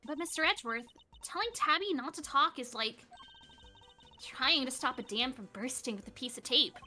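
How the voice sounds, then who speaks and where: A woman reading game dialogue aloud on a stream in an eager, lively way. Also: high-pitched, moderate pace, soft background music.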